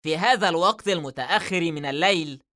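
A man's voice: fast talker, pushed and bright. A man doing a nervous, uneasy young man. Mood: anxious. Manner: tense and uneasy, raised pitch. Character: nervous, anxious young man under pressure.

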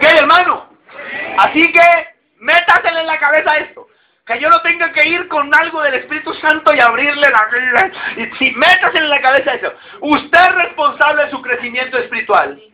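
A man's voice: very high voice, pushed and bright, poor audio. A male pastor, preaching a sermon and exhorting the congregation directly in a conversational way.

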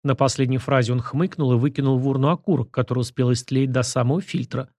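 A man reading a novel in first person, in a measured and even scripted narration. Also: medium pitch, no echo, clean studio sound. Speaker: audiobook narrator.

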